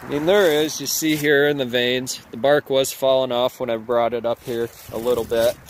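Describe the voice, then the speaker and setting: Holding his phone camera, a thirty-something chainsaw carver rambles easily about his wood in a casual how-to vlog shot in his cluttered workshop and yard, partly outdoors. His mid-range voice keeps a level tone and moderate pace against slight background noise.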